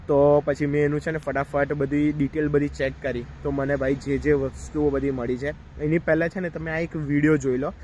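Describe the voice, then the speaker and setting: A man's voice: a little high, flat delivery, normal speed, hardly any pauses, a little mellow, slight background noise. A man telling a story in a casual vlog, talking straight to his viewers while outdoors in a park. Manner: chatty, addresses viewers directly. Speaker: vlogger.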